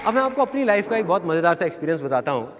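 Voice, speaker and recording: A motivational speaker delivers a seminar talk full of stories, acting out the voices of the people in them and repeating his key phrases. His high voice swings widely in pitch and moves very fast. The dull audio has long hall reverb, crowd noise, and a noisy background with a faint audience.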